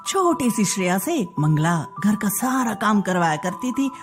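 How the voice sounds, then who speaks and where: A woman narrating a story in an expressive storytelling voice. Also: medium pitch, a little slow, over music.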